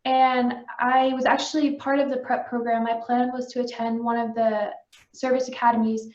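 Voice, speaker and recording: A young woman cadet from New Jersey answers questions in a composed, articulate way. Her voice sits a little high. The sound is roomy and slightly dull, like lo-fi stream audio. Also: darkish tone. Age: young adult. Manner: composed and articulate, addresses the host as sir. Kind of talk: formal answers in a panel.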